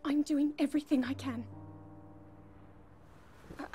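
A young fantasy-game princess. She is earnest and troubled, choosing formal words with measured care. Soft music plays behind her. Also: high voice, steady tone. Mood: defensive. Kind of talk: dramatic video game cutscene acting. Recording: studio voice over background music.

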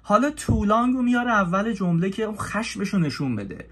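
A man teaching an English grammar class, explaining in Persian and saying each English example slowly and carefully, with questions to his students. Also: high-pitched, sing-song, husky. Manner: talks straight to students, asks them questions.

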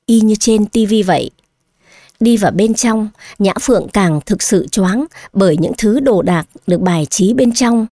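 Mellow-voiced woman audiobook narrator. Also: medium pitch, dry recording, studio quality. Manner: expressive, even storytelling read. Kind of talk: scripted story narration.

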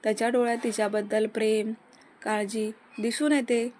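A woman reading a romance story aloud in Marathi, voicing each character's lines in a lively way. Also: fairly high pitch, normal speed, slight background noise.

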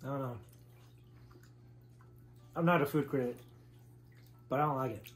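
A man's voice: mid-range voice, moderate pace. A man in casual family chat, making blunt, offhand remarks while he talks with his mouth full. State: talking while chewing.

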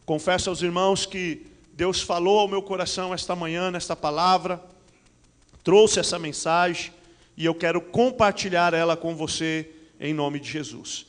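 A man's voice: sits high, steady tone, moderate pace. A middle-aged man with a Brazilian Portuguese accent, a pastor giving church announcements and then preaching into a handheld microphone, with frequent amens and hallelujahs. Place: large church hall with curtains and stage. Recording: reverberant church hall.

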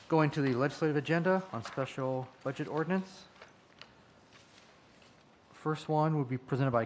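A man's voice: mid-range voice, a little mellow, slight background noise. Matter-of-fact man reading an agenda. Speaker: meeting clerk reading agenda.

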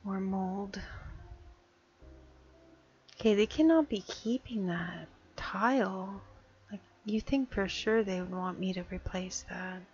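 A woman's voice: mid-range voice, slow pace, long pauses, darkish tone, breathy edge, lo-fi sound. A woman giving casual gameplay commentary, chatty and often muttering or half-whispering to herself. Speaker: gameplay streamer.

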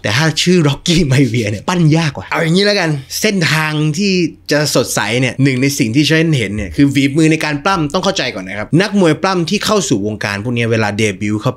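A male host chatting casually and telling a story, with lots of excited exclamations. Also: medium pitch. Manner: animated, full of exclamations.

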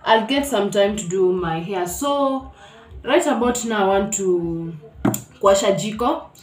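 A woman's voice: medium pitch, animated, unhurried. A young woman with a Kenyan accent, chatting casually to viewers as she cooks in a small home kitchen, dropping in Swahili words. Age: young adult. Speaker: cooking vlogger. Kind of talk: casual cooking vlog chat. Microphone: phone camera at arm's length.

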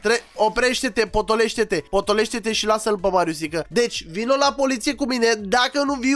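Romanian guy, pretty high voice, doing a strict cop in a game role-play, scolds and barks commands nonstop. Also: a bit bright. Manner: bossy, scolding, rapid commands. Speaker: gamer playing a police officer. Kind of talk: role-play over Minecraft gameplay.

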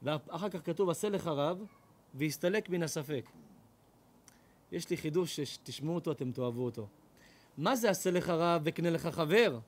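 Animated high-voiced man preaching. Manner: animated, swings from shouting to low mocking tones. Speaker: rabbi. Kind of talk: lively sermon with acted quotes.

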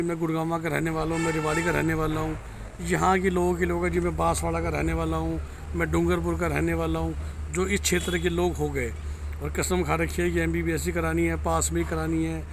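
A man's voice: on the high side, background noise. A middle-aged man, a career counselor, talking bluntly to a phone camera outdoors in a parking lot. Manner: blunt, frank and warning. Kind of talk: direct-to-camera review vlog. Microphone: handheld phone camera at arm's length.

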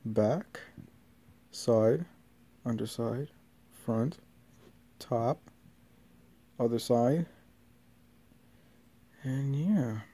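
This is casual, rambling vlog talk from a young adult man with a dark, mid-range voice. He wanders from point to point, hesitant and offhand, like an amateur recording himself in a small bedroom with a phone held at arm's length. The recording is noisy, with obvious hiss.

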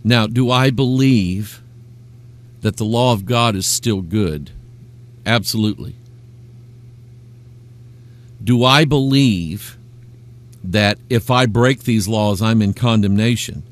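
A man's voice: on the low side, slow, long pauses. A middle-aged man preaching on a live webcast, a pastor who retells arguments with rising, emphatic passion.

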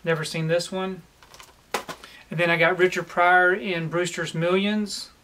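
A man in his forties, seated at home, casually presenting his collection haul with a relaxed, plain manner and frequent pauses. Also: high-pitched, slight background noise. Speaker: collector vlogger. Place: home room lined with disc shelves, indoors.

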